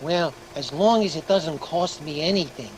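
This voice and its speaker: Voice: moderate pace, natural voice, poor audio. An actor's performance of a grumpy, tight-fisted male property owner in a radio drama, curt and sceptical. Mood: suspicious. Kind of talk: old-time radio acting. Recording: faint engine rumble behind the voice.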